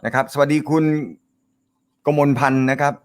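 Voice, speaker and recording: Loud, joking male live-stream host. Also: mid-range voice, little pitch movement, moderate pace, clear, resonant tone. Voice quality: naturally loud voice. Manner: joking, laughs often, chatty. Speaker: host of a snooker live show. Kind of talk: casual live-stream chat reading viewer comments.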